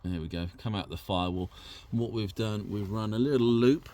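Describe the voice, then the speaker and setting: A British man with a fairly low, mellow voice moves briskly through a casual, easygoing presentation of an installation on his vehicle. He speaks informally to a camera or phone held in hand.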